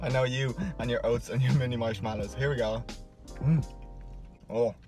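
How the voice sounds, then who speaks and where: This time his mid-range voice sounds a little mellow, with fairly even intonation at normal speed. The Irish fitness vlogger in his twenties still exclaims and laughs between bites on a food challenge, filming at arm's length in a parked car and a home kitchen, with background music.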